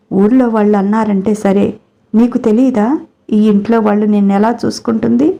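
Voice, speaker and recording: A fiery young wife from a storybook, quick to scold and full of hurt feeling, as a woman reader puts her on. The voice is low-pitched for her age, with a dark, mellow tone. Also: vocal fry. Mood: angry. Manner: emotional, scolding. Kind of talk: storybook character reading.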